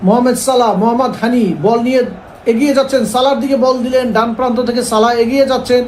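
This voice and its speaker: A man's voice: very high-pitched, flat delivery, rapid-fire, a little mellow. A man commentating a football video game for viewers, addressing them as friends and mixing in English words. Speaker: gameplay commentator. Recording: echoey room, faint background noise.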